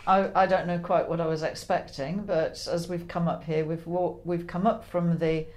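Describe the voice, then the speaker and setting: A woman hosting a casual interview, chatty and gently teasing her guest. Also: fairly low pitch, level tone, normal speed. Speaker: interviewer, host.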